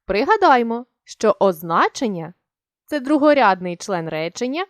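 A woman gives a grammar lesson and speaks with a lively, rising and falling intonation. She sets out each rule clearly and deliberately and stresses her example words. The sound is dry and close, with no room behind her. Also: fairly high pitch, dry recording. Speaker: teacher.

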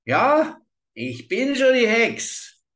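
Man reading a cruel old witch, high and sly, coaxing and sinister. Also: wildly swooping pitch, extremely slow, fairly bright tone, full character voice. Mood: triumphant.

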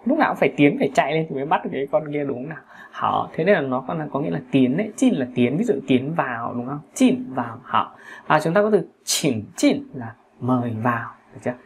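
A man teaching a language class with a gravelly, creaky voice. He talks patiently, repeats each word, and keeps checking that his students follow. A faint hiss sits under the recording. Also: fairly high pitch, animated, quick pace. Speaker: Chinese teacher. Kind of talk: classroom lesson.

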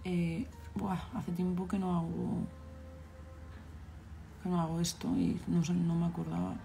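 A woman's voice: lowish voice, little pitch movement, measured pace, gravelly, warm tone, faint music behind. A woman from Valencia with a Valencian accent, chatting casually on a live stream and scolding the characters in her game. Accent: Valencian Spanish. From Valencia, Spain.

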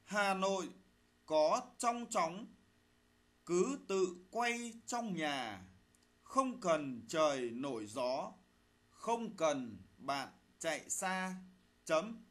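A man teaching primary school, dictating a spelling lesson slowly, phrase by phrase. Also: a little high, sing-song. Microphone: voice-over recorded for a slide video.

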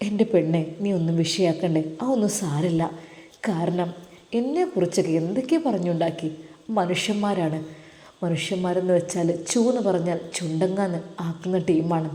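A woman voicing a young husband who speaks in a calm, soothing, reassuring way. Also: fairly low pitch, moderate pace, lightly acted. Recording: echoey reverberant room.

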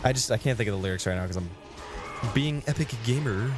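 A man's voice: mid-range voice, animated, fast. A man of about twenty-one, chatting casually with his stream chat while playing a game. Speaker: Twitch streamer. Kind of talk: casual gaming livestream commentary. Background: game music.

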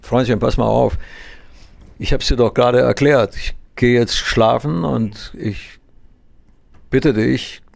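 A man's voice: medium pitch, slow pace, creaky, long pauses, no room sound. A man doing a worn-out, grumpy bar owner. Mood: fed up. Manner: exasperated, scolding.

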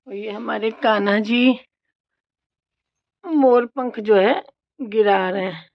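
A woman's voice: fairly high pitch, slow. A woman in her thirties chatting casually to viewers as she walks through her home chores and evening routine. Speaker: vlogger and mother. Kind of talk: casual home vlog narration. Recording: slightly dull lo-fi phone audio.

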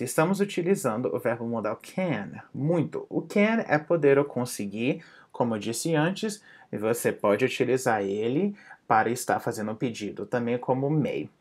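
Slow, lively-voiced male language teacher. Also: mid-range voice. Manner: repeats each phrase slowly in two languages; stresses intonation of example phrases. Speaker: English teacher. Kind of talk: bilingual language lesson.

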